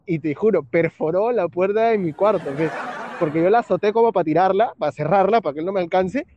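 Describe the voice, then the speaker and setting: A Peruvian man with a high-pitched voice chats in a relaxed, slang-heavy way. He laughs at his own stories. The sound is muffled and lo-fi, with faint noise behind it. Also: quick pace. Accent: Peruvian Spanish. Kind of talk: casual chat. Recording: muffled lo-fi with faint background hiss.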